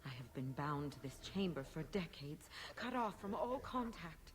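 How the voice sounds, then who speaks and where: A woman's voice: low voice, animated, normal speed. A woman voicing a sly, possessive demon in a cat's body for a video game, speaking formally with silky menace. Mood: imperious. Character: demon posing as a cat, sly, possessive, imperious. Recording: faintly noisy game audio capture.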